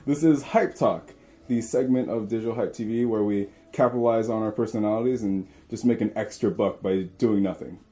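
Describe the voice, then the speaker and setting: Rambling young man, low and mellow. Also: steady tone. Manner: rambling, halting, crude. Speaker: co-host. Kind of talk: casual chat.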